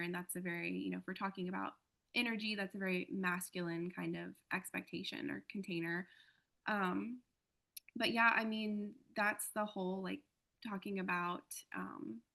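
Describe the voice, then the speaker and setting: A woman speaking as an interview guest, reflective and earnest, pausing often as she thinks aloud. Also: medium pitch, bright, forceful tone. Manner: earnest, thoughtful, many "um" and "like" pauses.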